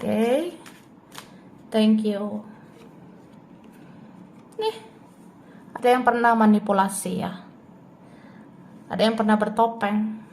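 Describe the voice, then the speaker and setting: A woman's voice: mid-range voice, slow pace, long pauses, darkish tone, a little hiss or hum. A woman doing a casual tarot reading who chats freely, laughs often and speaks the other person's thoughts in the first person. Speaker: tarot reader.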